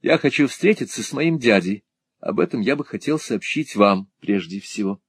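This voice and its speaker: A man's voice: lowish voice, animated, normal speed, breathy edge, no echo, studio quality. A man reading an audiobook, voicing an earnest, gallant, worn-down young man who speaks politely and sincerely. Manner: polite, sincere, gently playful. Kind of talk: audiobook character voice.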